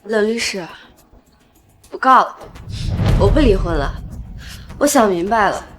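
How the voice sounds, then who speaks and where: An actress playing a timid, frightened pregnant young wife who speaks hesitantly. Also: female voice, mid-range voice, animated, a little slow, over music, close to an everyday voice. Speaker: client. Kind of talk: short drama acting.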